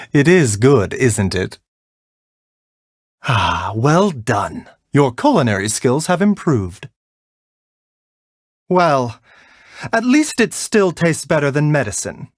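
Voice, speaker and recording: Calm caring game doctor, slow and polite, lilting delivery, super dry close sound. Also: male voice, medium pitch, no echo. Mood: amused, kindly. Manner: measured, soft-spoken, polite, lightly teasing. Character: gentle, refined male doctor, calm and caring, mildly wry. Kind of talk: video game character voice lines.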